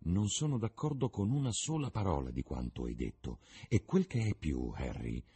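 A man reading the part of an earnest young painter who speaks softly and reproachfully. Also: deep voice, sing-song, normal speed, husky, voice pushed up, full character voice.

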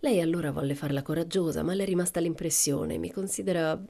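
A woman's voice: low voice, fairly even intonation, fast, creaky, mellow. A woman reading aloud, voicing a self-assured, worldly young woman who talks in a cool, matter-of-fact way.

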